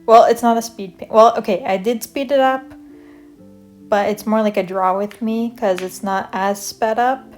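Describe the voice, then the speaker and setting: Soft guitar music accompanies a young woman from Canada who talks casually as she draws for her art vlog's draw-with-me video. Her voice is on the high side and steady, her pace moderate, and her talk wanders with frequent fillers and self-corrections.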